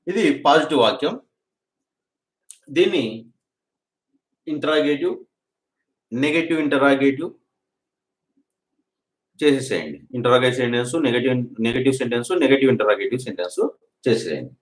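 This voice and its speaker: Speaking at a medium pitch in an echoey room, a man with a Telugu accent gives an English grammar lesson, repeating each drilled example sentence and pushing his students to practise quickly.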